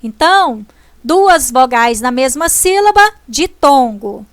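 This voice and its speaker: A woman teacher, explaining a grammar lesson slowly and deliberately, stressing syllables as she goes. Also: high-pitched, animated, no echo. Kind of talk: slow classroom explanation.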